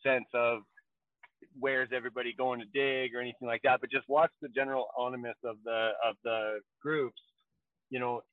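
Male podcast co-host, casual and rambling, mid-pitched, recorded over a thin phone-like line. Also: steady tone, moderate pace, no echo. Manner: rambling, heavy on fillers like "you know". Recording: tinny, dry call audio.

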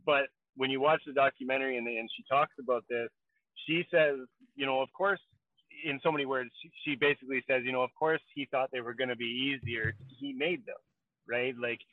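Male podcast co-host, casual and rambling, mid-pitched, recorded over a thin phone-like line. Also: fairly even intonation, fairly quick, dry recording. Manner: rambling, heavy on fillers like "you know". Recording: tinny, dry call audio.

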